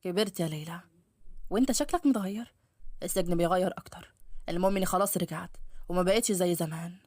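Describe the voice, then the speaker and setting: A woman voicing a quiet, composed young man just back from prison, with an Egyptian accent. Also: fairly low pitch, fast, no echo, clean studio sound, voice pushed down, natural voice. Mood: calm.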